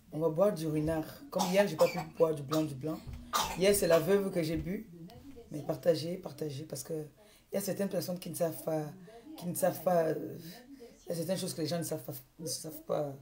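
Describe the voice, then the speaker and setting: Casting: woman with a low voice doing a casual live stream, repetitive greetings, crowd noise behind. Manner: repetitive, greets viewers over and over; keeps urging viewers to share.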